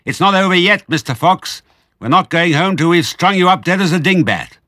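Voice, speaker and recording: A man voicing a tall, skinny, menacing farmer who yells with vengeful rage in a storybook reading. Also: lowish voice, expressive, quick pace, dry recording, studio quality. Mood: menacing yelling. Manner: yelling threats.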